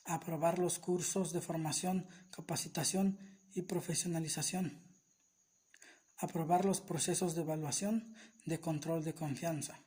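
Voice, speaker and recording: A man reading aloud a summary of a law in a formal, steady, list-like way. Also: on the high side, slightly rough. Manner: steady, even, list-like delivery. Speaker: reader of a legal summary. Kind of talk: formal reading of legal text.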